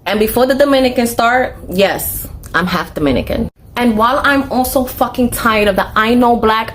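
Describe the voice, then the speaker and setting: A woman giving critical commentary in a sharp, sarcastic and articulate voice. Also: mid-range voice, a little hiss or hum.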